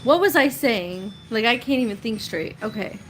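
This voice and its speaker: A woman's voice: on the high side, expressive, normal speed, a bit bright, soft background music, low-quality recording. A woman in her thirties telling rambling, chatty stories about her past on a casual live stream, often breaking into laughs. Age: 30s. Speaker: storytelling creator.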